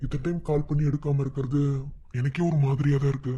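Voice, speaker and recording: Someone voicing an anxious cartoon village woman, mid-pitched voice, halting and repeating words. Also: steady tone, dark tone, breathy edge, lo-fi sound, lightly acted. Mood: worried.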